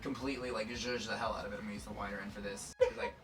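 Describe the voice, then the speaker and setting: A man's voice: on the low side, fairly even intonation, very fast, recorded from a distance, over music. An American man hosting a casual science demonstration in a campy, informal way. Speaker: host, chemist presenter.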